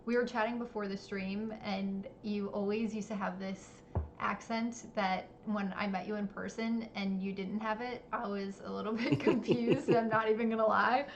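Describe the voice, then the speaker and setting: A woman hosting a livestream, asking her guest questions in a friendly, halting way. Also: mid-range voice, steady tone, lo-fi sound, slight background noise. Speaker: livestream host. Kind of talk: casual livestream interview.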